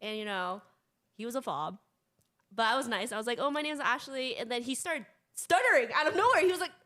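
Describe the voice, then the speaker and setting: Lively young woman with a raised voice. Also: on the high side, quick pace. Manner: lively, laughs through her story. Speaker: podcast co-host. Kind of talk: casual chat, storytelling.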